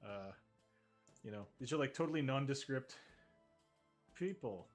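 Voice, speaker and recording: A man running a tabletop game, narrating casually in a halting, rambling way as he improvises. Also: medium pitch, expressive, soft background music. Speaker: game master.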